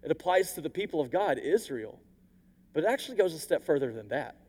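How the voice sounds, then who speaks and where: A man preaching a sermon as a pastor, moving between quiet intimate passages and loud emphatic ones. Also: a little high, sing-song, a little fast, big-room sound.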